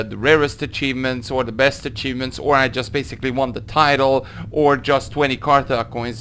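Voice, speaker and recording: A young man from Hungary with a Hungarian accent, answering viewer questions in a casual gaming Q&A, halting through his English with many fillers. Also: medium pitch, a bit bright, slight background noise. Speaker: gaming video creator. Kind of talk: casual Q&A monologue.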